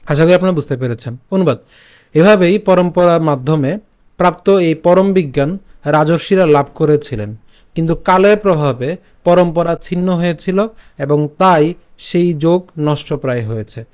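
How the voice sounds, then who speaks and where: A man teaching an online lesson on reciting scripture verses, explaining each sound patiently and chanting the verse slowly, syllable by syllable. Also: on the high side, a little mellow, smooth. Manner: patient explaining with frequent check-ins.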